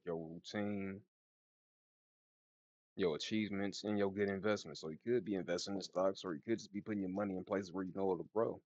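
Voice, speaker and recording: A man's voice: deep voice, no room sound, highs cut off. A man giving a casual, slangy tarot card reading, his speech slightly slurred and lisping from wearing a retainer. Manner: informal, slangy, laid-back. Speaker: tarot reader.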